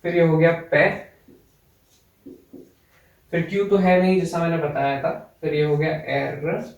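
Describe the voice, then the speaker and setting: A young man teaching an online language lesson, explaining step by step and repeating each word slowly. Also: fairly high pitch, little pitch movement, dull audio. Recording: echoey room, voice from a distance.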